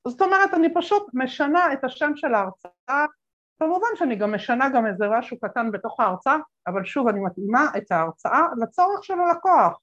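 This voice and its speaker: A woman with a fairly high voice tells stories as an interview guest. She jumps into the voices of the people she quotes and fills her pauses with lots of hesitations. The sound is a little dull and lo-fi. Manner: animated, acts out quoted voices, many fillers. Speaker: guest speaker. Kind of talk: conversational interview storytelling.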